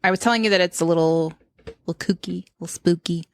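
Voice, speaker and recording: A woman hosting a podcast in casual chat, an animated storyteller who laughs often. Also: lowish voice, fast talker, no echo, studio quality. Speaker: podcast host.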